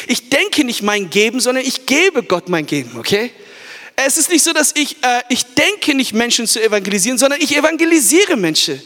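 High-voiced preacher in an echoing hall. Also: male voice, sharp tone. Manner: fervent preaching, asks the crowd "Amen?", mixes in English words. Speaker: youth pastor. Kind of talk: sermon. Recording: echoey church hall.

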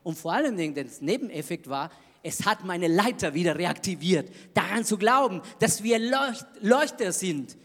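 A man preaching a sermon in an emphatic manner, swinging between loud bursts and hushed lines. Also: high-pitched, lively intonation, moderate pace, long reverb tail. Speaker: pastor.

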